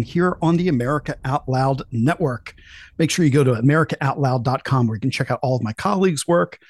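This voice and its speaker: A man's voice: a little high, a little mellow, dry recording. A man hosting a talk show in a chatty, casual way, with sarcastic asides. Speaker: podcast host.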